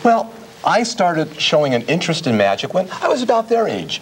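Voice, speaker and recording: A man, a guest magician and teacher, chatting to children in a television studio with halting, hesitant phrasing. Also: fairly high pitch, wildly swooping pitch, a little hiss or hum, rough recording. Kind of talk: interview chat aimed at children.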